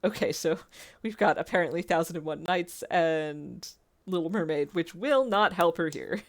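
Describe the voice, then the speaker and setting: A woman's voice: fairly low pitch, normal speed. A woman streamer giving casual, chatty commentary while reading a visual novel aloud, often interrupting herself with asides. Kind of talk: casual commentary mixed with narration.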